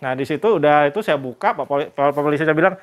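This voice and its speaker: Casual male vlogger, chatty storyteller, voice sits a bit high. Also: fast talker, highs cut off. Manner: chatty, addresses viewers as "Kak"; religious greetings and expressions.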